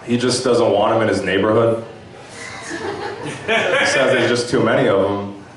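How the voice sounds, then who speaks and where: A young man doing a stand-up set with a laid-back, halting delivery full of fillers. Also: lowish voice, background noise. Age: young adult. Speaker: stand-up comic. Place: club stage. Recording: echoey room from far off.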